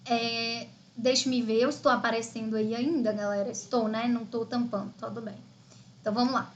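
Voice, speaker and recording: A woman's voice: a little high, flat delivery, brisk, lo-fi sound, slight background noise. A Brazilian woman teaching Portuguese in a live online exam-prep class, explaining step by step in a chatty way.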